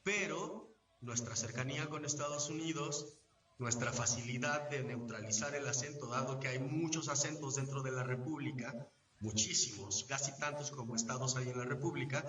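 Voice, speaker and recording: A male voice actor with a Mexican accent, explaining at length in a measured, teaching way during a live event interview. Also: mid-range voice, sharp tone. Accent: Mexican Spanish. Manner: didactic, measured, asks if understood. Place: event venue. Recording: echoey, distant, dull sound.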